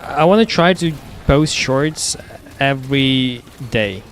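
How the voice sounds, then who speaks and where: Male streamer, mid pitch, halting chat replies, faint noise behind. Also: lively intonation. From Russia. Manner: reads chat aloud, halting with repeated restarts. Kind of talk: live game stream chat.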